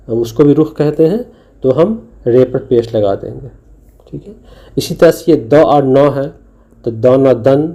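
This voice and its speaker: A man with a warm, mid-range voice teaches Urdu letters over slides in a recorded lesson. He patiently sounds out each letter and syllable one at a time.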